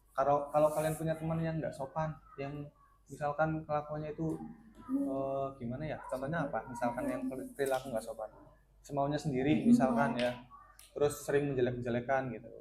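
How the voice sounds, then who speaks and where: A man's voice: medium pitch, a little mellow, slight background noise. A man working as a school counselor, leading a casual group guidance lesson and often asking his students questions. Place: school classroom. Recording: classroom with student chatter. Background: students talking and answering.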